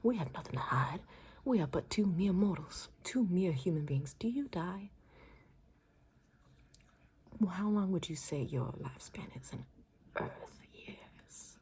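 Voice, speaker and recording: In an improvised ASMR makeover roleplay, a woman blends soft, breathy whispers with murmured speech, sounding playful, rambling and soothing. Her voice is lowish with lively intonation at a moderate pace.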